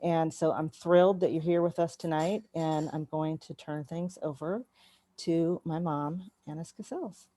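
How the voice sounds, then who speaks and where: Low, mellow-voiced woman hosting an online reading. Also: fairly even intonation, unhurried. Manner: conversational, storytelling. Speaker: event organizer and host. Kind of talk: welcoming remarks on a video call.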